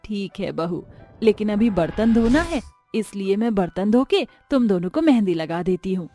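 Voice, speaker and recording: A woman voicing a gentle, pleading old mother-in-law in a storybook tale, speaking softly and meekly. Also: medium pitch, animated, normal speed, soft background music. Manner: soft, meek and pleading. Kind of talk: storybook voice acting.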